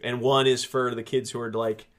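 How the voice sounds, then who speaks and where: A man's voice: medium pitch, little pitch movement, normal speed. Playful rambling man podcast host. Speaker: podcast host, behavior analyst. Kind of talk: casual chat.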